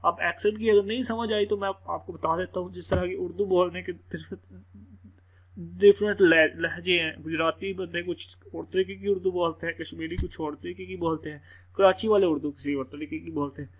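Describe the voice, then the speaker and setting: A man's voice: high-pitched, steady tone, fairly quick, muffled recording, slight background noise. Chatty male teacher. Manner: loose, repetitive, full of "theek hai" fillers. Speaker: English teacher. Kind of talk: casual screen-recorded lesson.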